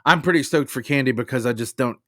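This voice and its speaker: A man joins a comedy podcast as a guest and trades wry, self-deprecating jokes. His pitch is ordinary and the recording is dry and close. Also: fast talker, fairly bright tone, no room sound. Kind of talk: casual comedy podcast chat.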